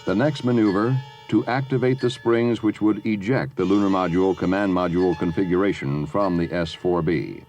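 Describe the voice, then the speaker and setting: A man's voice: sits low, moderate pace, few pauses, darkish tone, faint music behind. A man delivering scripted narration for a documentary.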